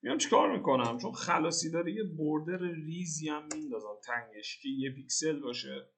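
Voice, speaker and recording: A man's voice: fairly high pitch, lively intonation, gravelly, a bit bright, slight background noise. A young man from Iran giving a casual, joking coding tutorial over a screen recording and thinking aloud in slang. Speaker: programming tutor.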